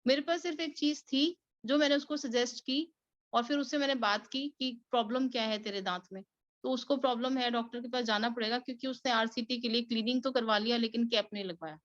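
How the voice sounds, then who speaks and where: A woman's voice: on the high side, dry recording. Chatty woman sharing sales stories. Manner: chatty storytelling that mixes in English words. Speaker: distributor sharing her experiences. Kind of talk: motivational testimonial talk. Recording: dull, dry recording.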